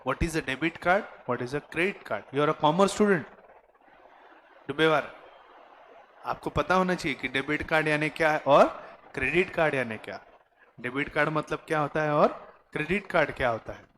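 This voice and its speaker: A man teaching a commerce class, questioning students and explaining slowly in a classroom. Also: on the high side, a bit bright, slight background noise. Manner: mixes Hindi, Marathi and English, quizzes students; slow, deliberate explaining. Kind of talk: classroom lecture.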